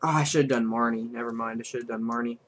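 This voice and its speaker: A man's voice: mid-range voice, fairly even intonation, fast, a little hiss or hum. Man thinking aloud over a card game. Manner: thinks aloud, counts damage out loud. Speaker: streamer. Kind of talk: live gameplay commentary.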